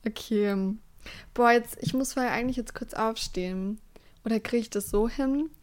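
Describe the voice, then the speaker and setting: A woman's voice: a little high, normal speed. A young woman co-hosting a podcast in casual chat, talking freely with frequent small laughs and filler words. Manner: chatty, laughs often, trails off with fillers. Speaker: podcast co-host.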